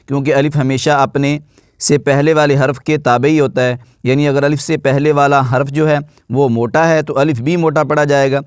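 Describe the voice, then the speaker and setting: A man teaching Quran recitation with an Urdu accent, spelling out letters and vowel marks one by one in a slow, drawn-out way, then explaining the rules more quickly. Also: medium pitch, smooth, dry recording, clean studio sound.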